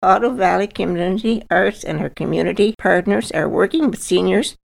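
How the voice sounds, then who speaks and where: Gravelly woman reading a script. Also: mid-range voice, brisk. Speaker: narrator. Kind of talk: scripted narration.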